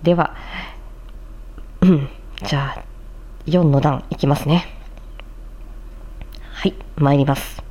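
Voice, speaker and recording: Her voice is deep, steady and dark, with a slow pace and long pauses. She runs a tongue-twister challenge in voice-actor style, alternating precise, theatrical recitations with polite, chatty remarks aimed at viewers.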